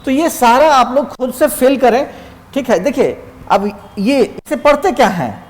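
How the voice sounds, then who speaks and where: A man teaching an exam-prep grammar lesson, quizzing students with rhetorical questions and then answering them, saying example words slowly. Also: very high voice, expressive, in a large hall.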